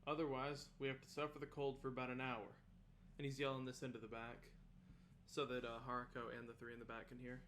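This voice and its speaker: A man's voice: medium pitch, completely flat delivery, quick pace, a bit bright, a little hiss or hum. A man player in a tabletop game, mixing plans with his character's lines in a playful way.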